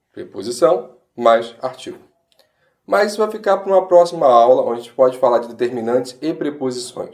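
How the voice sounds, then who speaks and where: A man with a Brazilian Portuguese accent explains French grammar in an online lesson, slowing down to pronounce each example clearly. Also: mid-range voice, darkish tone. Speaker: French teacher.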